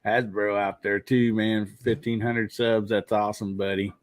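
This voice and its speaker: A man's voice: lowish voice, flat delivery, moderate pace, no room sound. A man hosting a casual live podcast, rambling with lots of fillers. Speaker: podcast host.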